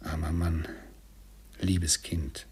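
A man voicing a gentle, humble poor father who speaks mildly and soothingly, sometimes hushed. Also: very deep voice, flat delivery, drawn-out words, slightly rough, heavily acted.

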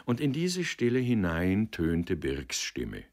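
Deep-voiced man narrating an audiobook. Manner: measured storytelling with vivid, expressive emphasis.

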